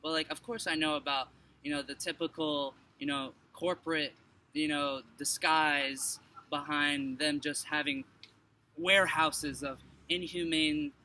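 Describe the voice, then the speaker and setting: Bright-voiced man, rambling and distant. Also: a little high, steady tone, unhurried. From Morocco. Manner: rambling, many fillers and restarts. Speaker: passerby sharing his view. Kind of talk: casual street conversation. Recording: distant mic with background noise.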